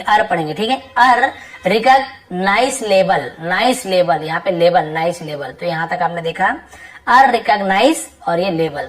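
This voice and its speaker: Woman tutor going through english words one at a time, slow careful reading, keeps checking in, mid pitch. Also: low-quality recording. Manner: reads English phrases very slowly, then explains each word at length; patient, repetitive teacher talk with frequent checks like "ठीक है". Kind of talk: explaining translation word by word.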